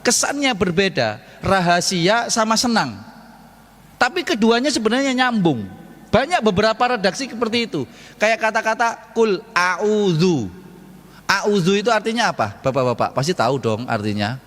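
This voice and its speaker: A man's voice: high voice, lively intonation, normal speed, fairly bright tone. A man preaching at a mosque study session, playful and joking, asking the congregation questions and answering them himself. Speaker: ustadz giving a mosque study talk. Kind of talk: lively sermon with jokes to the congregation. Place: large mosque hall. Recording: long hall reverb.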